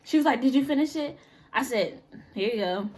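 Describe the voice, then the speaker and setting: A young woman in casual chat, telling school stories in an animated way and acting out the people she quotes. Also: fairly high pitch, fairly quick. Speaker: storyteller.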